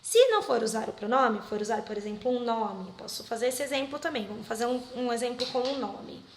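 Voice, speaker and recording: A woman's voice: a little high, steady tone, reverberant, noisy background. A woman English teacher from Brazil, giving a patient step-by-step grammar lesson and often checking in with her students. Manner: slow, patient, explains step by step with frequent check-ins.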